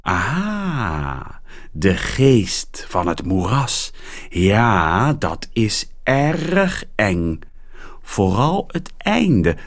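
A man reading a children's story aloud, voicing a mysterious, friendly woman horror writer who talks slowly and in a hushed, secretive way. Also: fairly low pitch, huge pitch swings, heavily acted.

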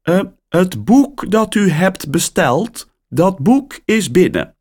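A man voicing an older lady on the phone who keeps mishearing and turns cross, in a high, shrill voice. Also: big pitch swings, slow pace, darkish tone, heavily acted. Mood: confused. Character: confused, short-tempered older lady on the phone.

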